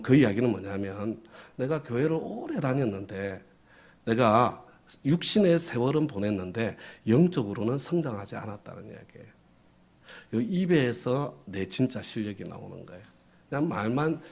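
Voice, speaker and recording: Man, pastor, sermon lesson, animated pitch, rhetorical questions, acts out quotes. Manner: lively, asks the audience questions and answers them; acts out little quoted voices for effect.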